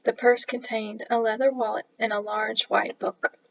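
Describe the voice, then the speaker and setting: A woman, an author, reading her own mystery story aloud in a playful, animated way. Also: on the high side, moderate pace, vocal fry. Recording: dull lo-fi recording.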